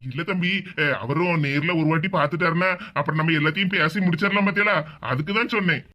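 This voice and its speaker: A voice actor playing an older male marriage broker with a southern Tamil accent, who speaks hesitantly with drawn-out fillers. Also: on the high side, sharp tone. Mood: persuading.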